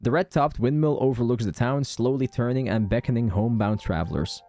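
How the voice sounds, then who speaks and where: A man streams a game playthrough, talking a little fast in a medium-pitched, warm voice. He's informal and sweary, commenting and reading on-screen text aloud as game music plays behind him.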